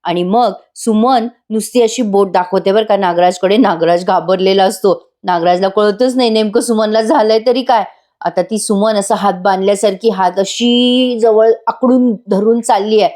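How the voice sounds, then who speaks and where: A woman's voice: mid-range voice, moderate pace, darkish tone. A woman giving a chatty voice-over recap of a TV serial episode, talking directly to her viewers. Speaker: serial reviewer.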